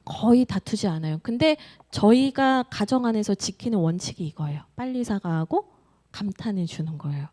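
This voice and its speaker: Animated woman pastor telling a story. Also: medium pitch, normal speed. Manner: lively storytelling with playful quoted dialogue. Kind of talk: sermon. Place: church sanctuary.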